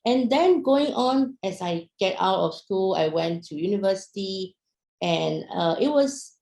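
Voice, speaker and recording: A woman's voice: medium pitch, animated, measured pace, gravelly, mellow, roomy sound, rough recording. A young woman, raised in Singapore after being born in Myanmar, gives a casual talk to an online audience, asking questions and using many fillers. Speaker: speaker at an online business talk.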